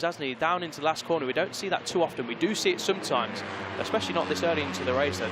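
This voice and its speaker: Quick-talking male motorsport commentator. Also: on the high side, background noise. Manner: motorsport commentator delivery, conversational with tag questions. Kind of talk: live motorcycle race commentary.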